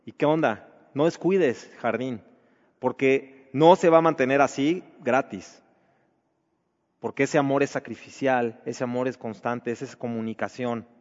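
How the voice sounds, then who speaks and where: A man's voice: mid-range voice, a little slow, darkish tone. A man preaching a sermon to married men, asking rhetorical questions in a conversational way. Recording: dull reverberant hall recording.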